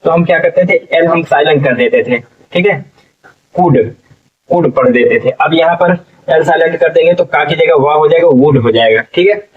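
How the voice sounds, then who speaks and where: Man teaching english spelling letter by letter, slow and steady, mic kinda far, muffled sound. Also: fairly high pitch. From India. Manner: spells words letter by letter, often says "ठीक है". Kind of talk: slow spelling-out classroom lesson.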